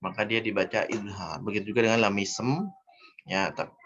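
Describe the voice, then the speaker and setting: A man's voice: on the low side, fairly even intonation, normal speed, a bit bright, slight background noise. Male recitation teacher, patient step-by-step explainer, slightly muffled online call audio. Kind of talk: online tajwid lesson. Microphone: video call.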